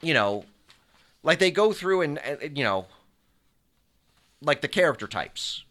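Male podcast co-host, nitpicky, bright, lively delivery. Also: a little high, unhurried. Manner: nitpicking, argumentative, hesitant restarts. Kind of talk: casual film review chat.

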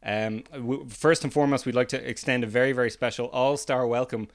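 A man's voice: mid-range voice, fairly even intonation, a little fast. A man, hosting a podcast and welcoming listeners and guests in a presenter's style. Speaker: podcast host. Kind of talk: podcast introduction and interviewing.

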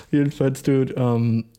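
A man's voice: mid-range voice, darkish tone, clear, resonant tone. A young man delivering a profane, sarcastic solo comedic rant full of slang, as host.

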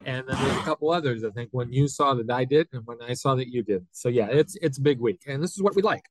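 A man co-hosting a movie review podcast, speaking in a dry, measured way. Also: mid-range voice, no echo. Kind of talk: casual chat.

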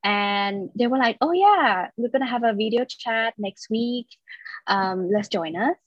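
A woman's voice: a little high, measured pace, no echo. A woman in her twenties, originally from Thailand, chatting as a podcast guest in an upbeat, talkative way. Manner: chatty and upbeat, laughs between stories. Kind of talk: casual interview chat. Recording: slightly dull dry sound.

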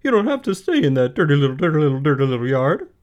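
A man voicing a female goose who talks fast, excitable, and repeats her words. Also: on the high side, lo-fi sound, voice pushed up. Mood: excited urging.

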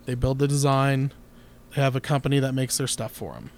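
A man's voice: mid-range voice, fairly even intonation, a little fast, darkish tone. A man co-hosting a casual guitar podcast, talking in a rambling, opinionated way with many restarts. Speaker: podcast co-host. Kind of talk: casual chat.

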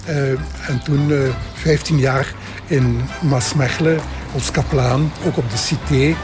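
A man's voice: medium pitch, fairly even intonation, measured pace, over music. An older Belgian man in his seventies with a Limburg accent, speaking hesitantly as a parish priest answering interview questions. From Belgian Limburg, Flanders. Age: 70s. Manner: hesitant, repeats himself.

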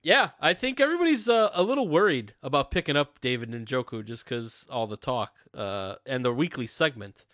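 A man's voice: mid-range voice, lively intonation, moderate pace, hardly any pauses, fairly bright tone, dry recording, studio quality. A man hosting a casual fantasy sports podcast, joking and reading listener emails. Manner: jokey, reads listener emails. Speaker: podcast host.

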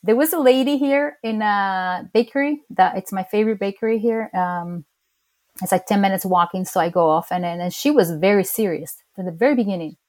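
A medium-pitched, slightly mellow female voice moves along fairly quickly. The speaker, a Chilean interviewee whose first language is Spanish and whose accent is strongly Chilean, chats casually and tells stories, laughing and restarting as she goes.

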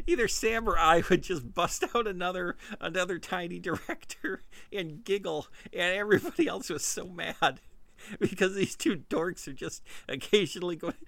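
Giggly Midwestern man with a gravelly voice. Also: high-pitched, bright, forceful tone, no echo. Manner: giggly, self-amused punning. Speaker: podcast host. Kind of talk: casual comedic monologue.

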